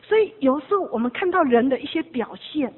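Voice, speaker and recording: A woman preaching a sermon, swinging between loud exhortation and hushed tones, telling stories with quoted dialogue. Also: high voice, lively intonation, brisk. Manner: storytelling with quoted dialogue and small laughs. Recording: tinny phone-like sound.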